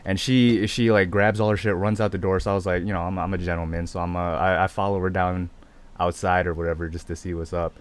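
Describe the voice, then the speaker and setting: A young man and podcast co-host telling a story in casual chat with friends, slangy and animated, acting out the people he quotes. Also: low-pitched, quick pace, smooth.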